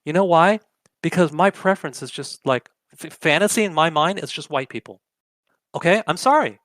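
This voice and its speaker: A young adult man hosts an opinionated political commentary show, arguing emphatically and firing off rhetorical questions. His fairly high voice is expressive and fairly bright, at normal speed, with no room sound.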